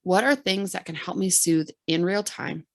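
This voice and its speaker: A woman in her thirties co-hosts a relationship podcast, talking in a casual, animated way. Her voice sits a little low and has a gravelly texture. She makes emphatic points with quick asides. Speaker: podcast co-host, therapist.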